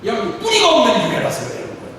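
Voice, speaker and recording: A man's voice: very high voice, fast. Echoey older man preaching a sermon. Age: 60s. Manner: animated preaching with rhetorical questions. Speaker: church leader. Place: church hall. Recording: echoey hall, distant mic, faint noise.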